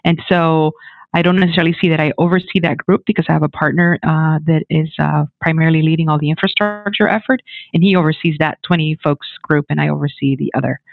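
Lively man from the Dominican Republic on a phone-like line. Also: fairly high pitch, fast talker, vocal fry, no echo. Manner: animated, many restarts and fillers. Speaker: guest, technology executive. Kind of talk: conversational interview.

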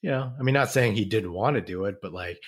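A man hosts a casual sports chat. His voice sits a little low, and his talk wanders along on easy fillers. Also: fast talker, husky. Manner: conversational, leans on fillers like "like" and "man". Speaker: podcast host.

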